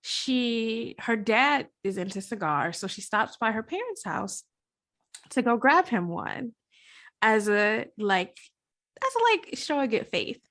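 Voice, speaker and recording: A woman hosting a casual podcast, talking in an animated, slangy way and laughing often. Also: on the high side, slow pace. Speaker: podcast host.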